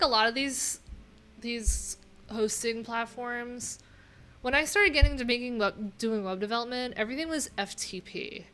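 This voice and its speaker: In a small room at home, a middle-aged web developer runs a casual live coding stream, musing aloud and reading from her screen with dry, offhand remarks. Her voice is fairly high and fairly bright.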